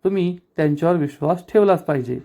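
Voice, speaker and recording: A man voicing a calm, persuasive young married woman from a TV serial, speaking earnestly as he retells the scene. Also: fairly high pitch, fast, close to an everyday voice. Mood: coaxing.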